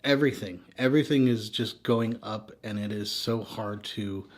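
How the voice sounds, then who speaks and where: An American vlogger vents his personal frustrations in a candid, unscripted rant, his voice fairly low and his pace moderate. He sounds exhausted and weary, sighing, swearing frankly, and letting his thoughts trail off.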